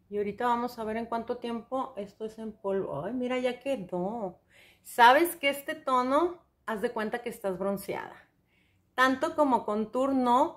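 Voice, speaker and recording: A young woman, chatting enthusiastically to the viewer while reviewing makeup. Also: mid-range voice. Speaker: beauty vlogger.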